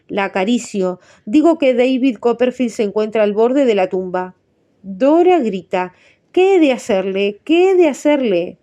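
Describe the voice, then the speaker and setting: A woman narrating a classic novel in a measured, steady storytelling manner. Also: on the high side. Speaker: audiobook narrator. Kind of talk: audiobook reading.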